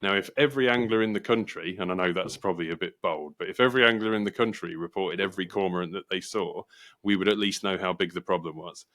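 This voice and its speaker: An English man hosting a casual podcast, talking in an animated, argumentative way and acting out quoted voices. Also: deep voice, fast. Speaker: podcast host.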